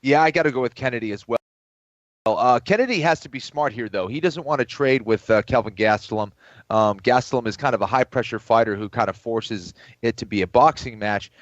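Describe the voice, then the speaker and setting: A man co-hosting a sports podcast, explaining fight tactics in a measured way. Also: mid-range voice, no echo, muffled recording. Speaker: podcast co-host, fight analyst. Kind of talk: casual sports analysis.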